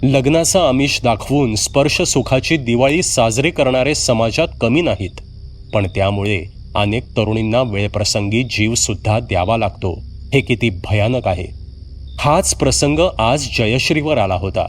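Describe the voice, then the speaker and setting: A man narrating a horror story in the first person, measured and steady, with acted dialogue. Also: mid-range voice, a little hiss or hum.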